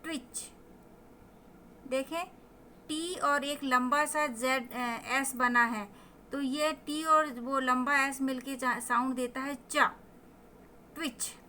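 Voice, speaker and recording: Bright-voiced woman teaching vocabulary. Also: high voice, fairly even intonation, slight background noise. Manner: slow, drawn-out word pronunciations, mixing Hindi explanations with English definitions. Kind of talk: vocabulary lesson with pronunciation drills.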